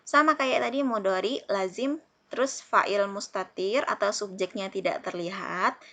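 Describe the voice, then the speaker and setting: A woman Arabic teacher with an Indonesian accent, giving a recorded lesson and slowly drilling word forms one by one. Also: mid-range voice, bright, forceful tone.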